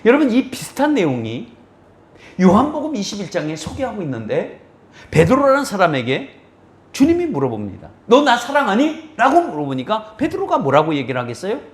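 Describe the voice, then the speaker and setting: A man's voice: high voice, huge pitch swings, brisk, reverberant. A male pastor preaching a sermon in a church, questioning the congregation and acting out quoted voices. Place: church sanctuary.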